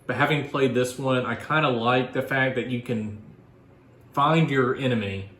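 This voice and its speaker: A man's voice: mid-range voice, moderate pace, a bit bright. Man rambling casually in an echoey room. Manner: rambling, informal explaining. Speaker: guest board game reviewer. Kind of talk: casual chat, board game review.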